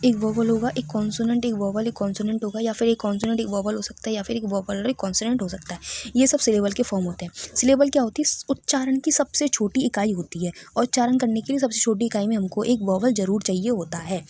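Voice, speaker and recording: A woman's voice: on the high side, fast, few pauses, dark tone, slightly rough, dry recording. Woman teaching a literature lesson. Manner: checks in with listeners often, repeats key terms.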